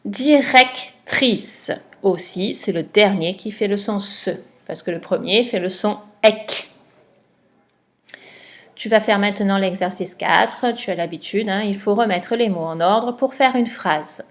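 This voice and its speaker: In a recorded lesson for a child at home, a primary school teacher with a mid-range voice dictates spelling words. Patient and unhurried, she stretches each one out.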